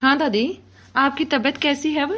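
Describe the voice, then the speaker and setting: A woman's voice: high voice, moderate pace, pushed and bright. A woman voicing a cheerful little grandson in a cartoon, who talks in an eager, childlike way. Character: small boy, cheerful grandson. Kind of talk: cartoon voice acting.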